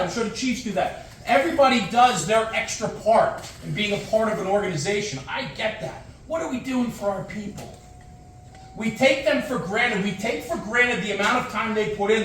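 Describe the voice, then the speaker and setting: A firefighter appears as a guest speaker, giving a motivational talk to an audience in an echoey indoor room. His voice is fairly high and a bit bright, captured well away from the microphone with faint noise. He speaks emphatically in punchy short phrases, using rhetorical questions and repeating lines for weight.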